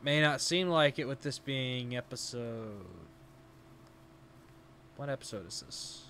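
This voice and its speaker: A young man hosts a let's play, chatting through his gameplay and explaining every step aloud for his audience. His mid-range voice is a bit bright and he takes things slowly. It was recorded on a home desk mic with a faint hiss in the background.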